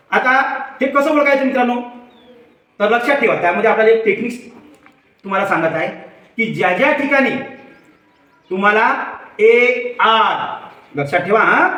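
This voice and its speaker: A man giving a children's phonics lesson, slowly spelling out letters and asking the viewer questions, then answering them himself. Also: high-pitched, bright, forceful tone. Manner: slow, patient, spells letters one by one. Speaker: teacher. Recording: echoey room, far from mic.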